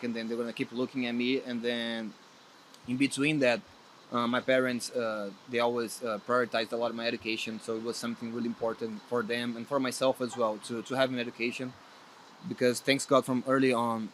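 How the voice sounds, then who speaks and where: A Brazilian man whose first language is Portuguese speaks with a Brazilian accent as a guest player in a casual interview. His medium-pitched voice is a bit bright, with a little hiss or hum, and he sounds earnest but hesitant, restarting his sentences many times.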